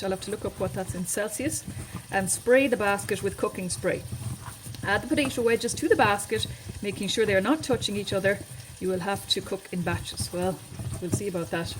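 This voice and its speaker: Woman chatting away while she makes food at home, homely and easygoing, kitchen noise in the background. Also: medium pitch. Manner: chatty, homely, thinks aloud while cooking. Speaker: home cooking channel host. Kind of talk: casual cooking demonstration.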